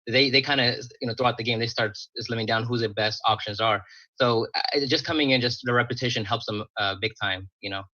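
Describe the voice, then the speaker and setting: Guy on a video call, halting, lots of you know, bright voice, kinda lo-fi sound. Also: medium pitch, no echo. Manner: halting, filler-heavy. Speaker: former contestant. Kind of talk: casual video call chat. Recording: slightly dull lo-fi audio.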